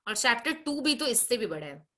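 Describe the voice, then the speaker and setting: Bright-voiced woman teacher scolding online class. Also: a little high, sing-song. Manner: scolding, brisk, frequent tag questions. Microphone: video call.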